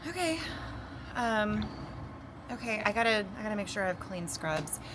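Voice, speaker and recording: A woman acting as a worried, weary working partner in a found-footage film, speaking in a halting, conversational way. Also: mid-range voice, big pitch swings, lightly acted. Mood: worried, caring. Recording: noisy on-location camera sound.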